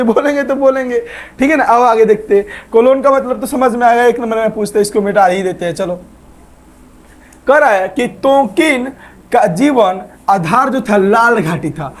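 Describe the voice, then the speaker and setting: A man teaching an online exam-prep history lesson, who keeps asking questions and answering them himself. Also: high-pitched. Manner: asks viewers to like and subscribe.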